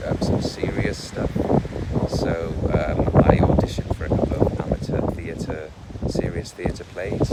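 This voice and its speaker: A middle-aged man talking casually to camera about his life, hesitant, with many fillers and restarts. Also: low voice. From Wales. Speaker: vlogger. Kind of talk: casual personal talk to camera. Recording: loud wind noise over the mic.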